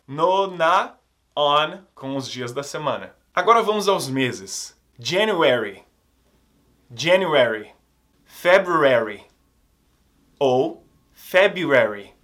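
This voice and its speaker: Bright, lively male English teacher. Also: on the high side. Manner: drills words slowly for students to repeat; explains quickly in a lively, upbeat way. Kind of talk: online English lesson for Portuguese speakers.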